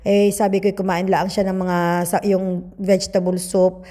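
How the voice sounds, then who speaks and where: Chatty slightly hoarse woman. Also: medium pitch, level tone, moderate pace, warm tone, big-room sound. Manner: chatty, gossipy storytelling to viewers. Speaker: food vlogger. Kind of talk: casual eating vlog chat.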